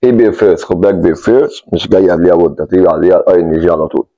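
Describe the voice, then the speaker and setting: Deep-voiced Egyptian teacher explaining grammar. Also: male voice, steady tone, fast, warm tone, rough recording. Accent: Egyptian Arabic. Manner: explains step by step, repeats key words, stresses "take care". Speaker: English teacher. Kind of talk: grammar lesson.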